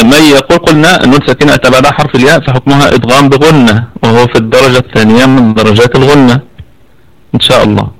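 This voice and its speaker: A man with an Egyptian accent teaching an online Quran recitation lesson, explaining patiently and repeating words slowly to demonstrate. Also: medium pitch, fairly bright tone, low-quality recording. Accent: Egyptian Arabic. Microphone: computer mic over an online voice chat.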